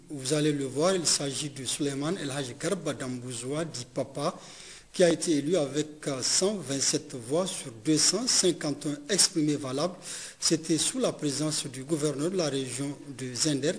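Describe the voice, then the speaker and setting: Male news anchor, slightly high voice. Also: a little mellow. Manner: clear, formal announcing. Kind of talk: news bulletin presenting.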